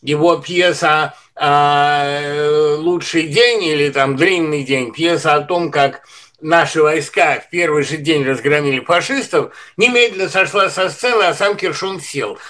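Guy with a pretty high voice, lecturing about politics and books, rambles off into history. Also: a little slow, pushed and bright. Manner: lecturing, digressive, full of literary references. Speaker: commentator. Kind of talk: political and literary commentary.

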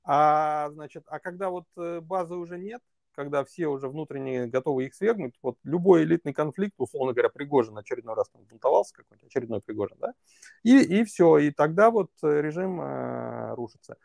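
A man's voice: fairly high pitch, animated, a little fast, gravelly, darkish tone, dry recording, clean studio sound. A man working as a political consultant, answering interview questions in long, reasoned stretches with many fillers.

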